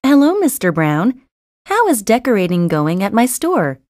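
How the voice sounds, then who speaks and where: A woman voicing the female parts of a school listening test, clearly enunciated and conversational. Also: medium pitch, sing-song, moderate pace, darkish tone, no echo. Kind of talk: scripted test dialogue reading. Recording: dry studio recording.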